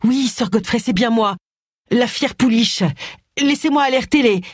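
A reader voicing a brusque, sharp-tongued woman amateur sleuth in an audiobook, speaking in a raised, urgent voice. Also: mid-range voice, expressive, moderate pace, slightly rough, dry recording, clean studio sound, voice pushed up.

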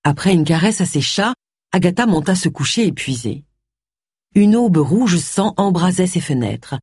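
An expressive audiobook narrator reading a mystery novel. The pitch moves freely through each sentence, with a slightly breathy tone. The sound is dry and close, with no room behind it. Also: normal speed, no room sound.

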